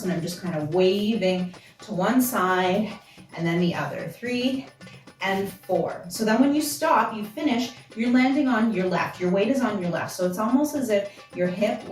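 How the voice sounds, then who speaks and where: Dance teacher counting steps in a roomy space. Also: female voice, medium pitch. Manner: counting steps aloud while dancing. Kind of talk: dance tutorial instruction. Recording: roomy, from a distance, with music.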